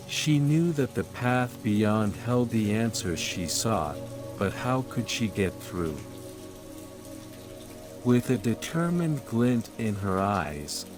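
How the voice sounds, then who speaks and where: Over a backdrop of rain and gentle music, a lowish-voiced man reads a scripted bedtime fairytale in a soothing, measured way.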